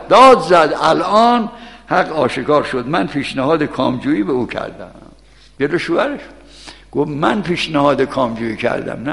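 Here a Quran teacher with a rather high, creaky voice delivers an informal sermon explaining scripture. Recited Arabic verses alternate with casual colloquial Persian, and he poses questions to listeners only to answer them on his own. Long echoey hall reverb fills the recording.

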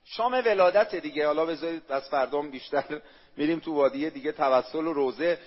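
A man preaching a sermon, emphatic and repetitive, asking the listeners rhetorical questions and reciting Arabic phrases. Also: fairly high pitch. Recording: echoey hall, dull lo-fi sound.

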